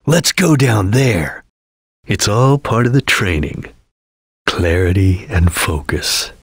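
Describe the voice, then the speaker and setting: A proud, stern ninja chameleon from a video game, with a husky, gravelly edge. He speaks in formal, clipped declarations with very animated pitch, solemn and disciplined. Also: slow, no room sound, heavily acted. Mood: calm, focused. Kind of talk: video game character voice acting.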